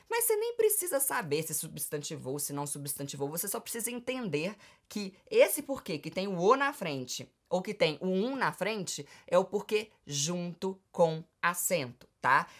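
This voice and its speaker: A Brazilian woman teaching grammar on a podcast, her pitch jumping up and down with playful, theatrical energy. She talks to the listener like a friend, calling them affectionate pet names and checking in after every point. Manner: playful and theatrical, calls listener "meu filho" and "filho de Deus"; chatty, punctuates with "tá?" and "entendeu?". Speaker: Portuguese teacher and podcast host. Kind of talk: grammar lesson.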